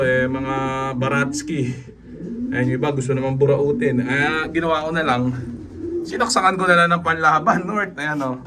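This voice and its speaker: A man casually walking viewers through his pigeon loft as a breeder, pointing out birds with quick asides. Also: a little high. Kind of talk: casual vlog walkthrough. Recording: noisy loft with pigeons cooing.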